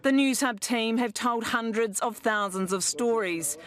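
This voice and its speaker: A woman's voice: a little high, unhurried. A woman with a New Zealand accent narrating a scripted television news report.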